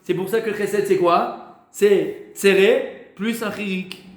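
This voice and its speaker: High-pitched rabbi guy teaching a class, lots of "euh", echoey room. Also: fairly even intonation, slow pace. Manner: asks questions and answers them himself; hesitant fillers and repeated words. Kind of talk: Torah class to students.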